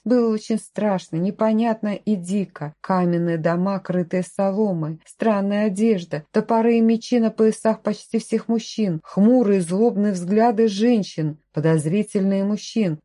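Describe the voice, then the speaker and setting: Woman reading a first person audiobook, steady, warm mellow voice. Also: mid-range voice, normal speed, hardly any pauses. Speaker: audiobook narrator.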